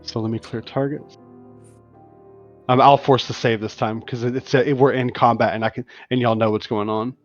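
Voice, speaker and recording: A man's voice: mid-range voice, little pitch movement, moderate pace. A man runs a tabletop game as game master, narrating scenes and calling for rolls with frequent uhs and restarts. His voice comes through slightly dull, lo-fi stream audio, with faint music playing underneath. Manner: descriptive, with frequent restarts and "uh" fillers.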